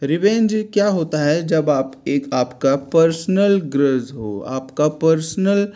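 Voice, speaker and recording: Male teacher, slightly high, mellow voice, slow and repetitive vocabulary lesson. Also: animated. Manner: explains word meanings slowly and repeats words. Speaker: English teacher.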